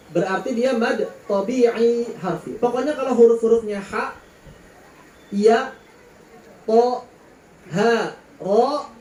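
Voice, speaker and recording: High-voiced man teaching Quran recitation. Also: mellow, reverberant, poor audio. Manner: patient, drawn-out explanations with sung letter names.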